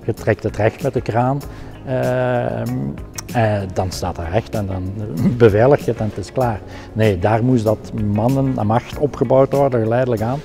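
Flemish man with a dark, mellow voice. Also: medium pitch, moderate pace, vocal fry, faint music behind. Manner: practical, hesitant with many fillers. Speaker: technical production director. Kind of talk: explaining his work in an interview.

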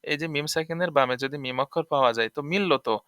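A man's voice: fairly high pitch, racing, a bit bright, clear, resonant tone, no echo, studio quality. A man teaching tajweed rules, explaining patiently and repeating each point to check understanding. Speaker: Quran recitation teacher.

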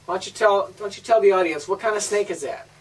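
Her voice medium in pitch, quick and slightly breathy, a woman shows off her family's snakes in a casual home video. She chats cheerfully and encourages the children on camera, heard through distant, lightly hissing camera audio.

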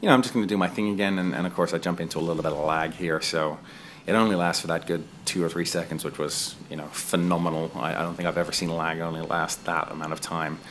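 Man, 30s, raised in England: low-pitched, conversational gameplay commentator who wanders into chatty asides. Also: steady tone, fast, fairly bright tone, slight background noise. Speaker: gaming video creator. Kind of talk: casual voice-over commentary on gameplay.

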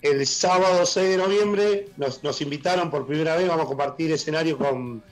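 Argentine guy with a worn husky voice, kinda high, chatting excited on a video call, soft music behind. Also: poor audio. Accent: Argentine Spanish. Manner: enthusiastic, halting with fillers. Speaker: blues musician guest. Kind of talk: casual radio interview. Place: room at home, joining by video call.

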